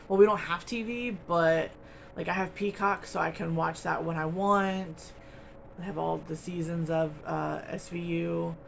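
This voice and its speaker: A woman's voice: sits low, gravelly, a little hiss or hum. A woman chatting casually to camera as host of a crochet channel, rambling along with lots of ums and little laughs, from home. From United States.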